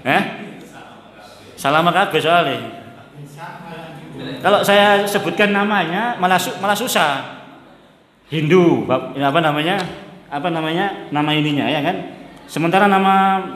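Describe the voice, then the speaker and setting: A man teaches a religious study lesson, chatty and often asking his listeners whether they follow. His voice sits fairly high. The recording carries the long, roomy reverb of a large hall. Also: moderate pace, pauses often, a bit bright. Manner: chatty, keeps checking the audience understands, laughs often; mixes in Javanese phrases and chants Arabic text. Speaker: Islamic preacher.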